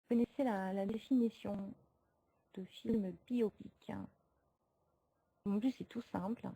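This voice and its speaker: On her laid-back film stream, this woman answers viewers' comments, laughs a lot and hesitates through many fillers. She has a mid-range, warm, husky voice with fairly even intonation and a slightly slow pace, heard through poor audio.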